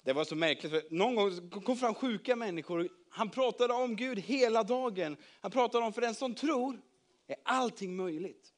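Lively man telling a Bible story to kids. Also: sits high. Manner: lively, involves the audience. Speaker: children's storyteller. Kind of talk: Bible story told to children.

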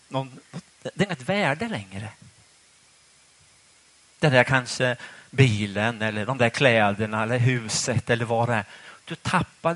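A man's voice: mid-range voice, a bit bright, no room sound. A man preaching a sermon in church, asking the congregation questions in a conversational way.

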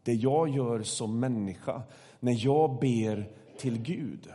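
A middle-aged man preaching a calm, measured sermon with slow pauses, then leading a prayer. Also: mid-range voice. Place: church. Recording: long church hall reverb.

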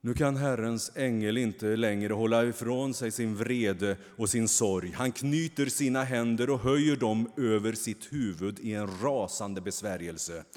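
A man narrating a storybook in a calm, even reading voice, with a long hall reverb. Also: fairly low pitch, few pauses.

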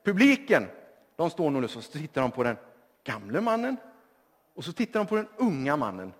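Lively male preacher in a church. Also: a little high, husky. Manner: lively storytelling, addressing the congregation. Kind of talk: sermon. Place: church hall. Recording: church hall reverb.

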